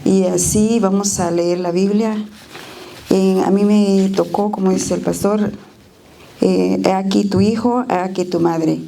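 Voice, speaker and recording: A woman's voice: mid-range voice, fairly even intonation, a little slow, gravelly, warm tone, a little hiss or hum. A middle-aged woman giving a personal testimony and prayer at a church service, tender and plainspoken with frequent hesitations. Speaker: church member giving a reflection.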